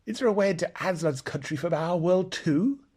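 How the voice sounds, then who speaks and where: A man's voice: lively intonation, fairly quick, a little mellow, husky. A man voicing a startled, curious young boy in a storybook reading, with a raised, questioning voice. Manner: surprised, questioning, raised pitch.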